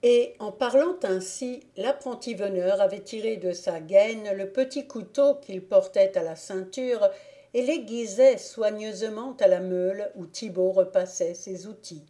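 A woman narrates a classic novel as an audiobook reader, her voice mellow and dark. She keeps a measured, even storytelling pace, at a middle pitch for a woman. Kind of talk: scripted literary narration.

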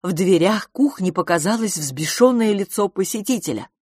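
A woman narrating a humorous novel with an expressive, animated reading. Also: medium pitch, moderate pace, breathy edge, dry recording, studio quality. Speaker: audiobook narrator.

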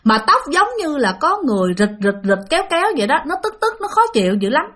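A woman's voice: sits high, very animated, fast, fairly bright tone. Chatty Southern Vietnamese woman storyteller. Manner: chatty, addresses listeners directly, repeats words for effect. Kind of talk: spoken ghost-story narration.

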